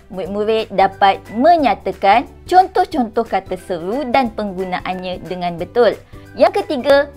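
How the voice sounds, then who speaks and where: A Malaysian woman teacher speaking in a bright, sing-song voice that swoops up and down as she explains grammar to young pupils. Her pitch sits fairly high, and soft music plays quietly behind her.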